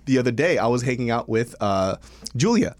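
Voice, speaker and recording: Blunt, opinionated male co-host, lively delivery, dry close mic. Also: medium pitch, fairly quick, no room sound. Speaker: podcast co-host. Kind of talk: casual chat.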